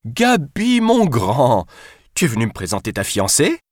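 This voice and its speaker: A man's voice: on the low side, lively intonation, a little fast, no room sound, clean studio sound, pitched above the performer's own voice, close to an everyday voice. A male narrator voicing a small, sturdy, gray-haired woman who runs a lab, cheerful and teasing. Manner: jovial, teasing.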